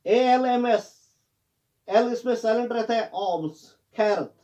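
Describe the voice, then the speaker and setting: A man's voice: very high-pitched, a little slow, dark tone, muffled recording. A man teaching pronunciation in Hindi, spelling words out letter by letter and correcting common mistakes. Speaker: English teacher. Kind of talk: classroom lesson on pronunciation.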